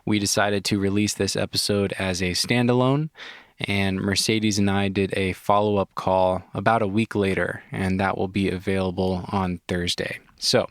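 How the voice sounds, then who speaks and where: Slightly stuffy from a head cold, a podcast host talks casually and does an ad read inside a van, laughing often and restarting his sentences in a relaxed way. He has a low voice at a moderate pace, with no room sound and studio quality.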